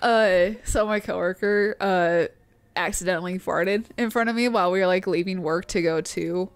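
A woman's voice: on the low side, steady tone, normal speed, clear, resonant tone, dry recording. A woman co-hosting a gameplay video, chatting casually and giggling as she reacts and tells a funny story. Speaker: gameplay co-host.

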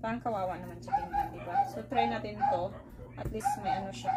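A woman's voice: mid-range voice, huge pitch swings, fast, heavy background noise. A woman, casually chatting to her viewers and baby-talking to her pet dog. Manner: mixes Tagalog, Bisaya and English, coos baby talk to her dog. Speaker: vlogger.

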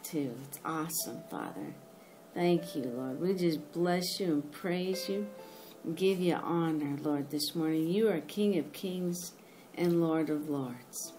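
Slow-praying woman with music behind. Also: on the low side, darkish tone. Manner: slow, fervent, repeating thanks. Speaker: podcast host leading prayer. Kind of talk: spoken prayer.

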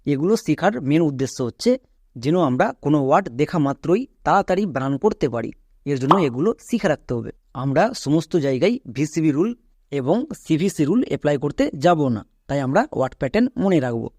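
A man's voice: on the high side, lively intonation, fast talker, darkish tone, dry recording, clean studio sound. A young man with a Bengali accent teaching English spelling in a lesson, explaining step by step and answering his own questions. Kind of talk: classroom-style spelling lesson.

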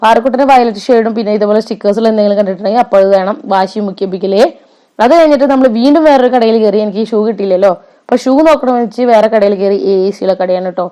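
Fast-talking chatty woman vlogger. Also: medium pitch, dark tone. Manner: chatty, often adds tag words and fillers. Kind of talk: casual voice-over narration.

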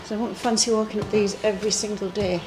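A woman's voice: mid-range voice, fairly even intonation, quick pace, over music, low-quality recording. Chatty woman giving a walking tour. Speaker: vlog host. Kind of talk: casual walking vlog. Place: old château, stairs and rooms.

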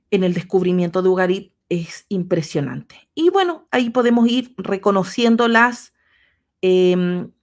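A woman giving a history lecture on a livestream, patiently walking viewers through slides one step at a time. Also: fairly low pitch.

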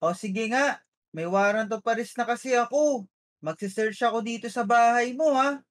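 A woman's voice: on the high side, moderate pace, close to an everyday voice. A woman voicing a suspicious, bumbling male police officer in a game role-play, questioning in a nagging way.

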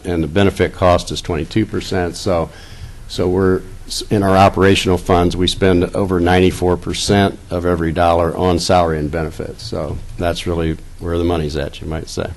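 A man in his fifties presenting a school budget at a public board meeting, seated at a dais and speaking into a desk microphone, halting and repeating words as he reads out figures. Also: deep voice. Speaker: school district finance officer.

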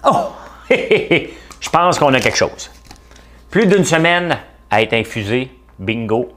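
A man's voice: on the low side, fairly bright tone. A middle-aged man with a Quebec French accent, hosting a casual livestream and chatting with viewers by name. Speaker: livestream host reading viewer comments. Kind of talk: casual live chat.

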